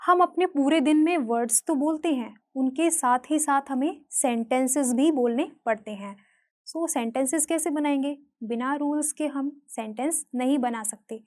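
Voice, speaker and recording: A young woman with an Indian accent teaching a spoken English lesson, saying English words slowly and spelling them out letter by letter. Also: high voice, darkish tone.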